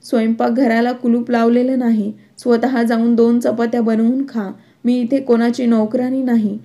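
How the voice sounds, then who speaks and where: A defiant, quick-tempered young wife from a narrated storybook, as a woman reads her lines. The voice sits fairly high yet stays level and even, with a soft, mellow tone. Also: natural voice.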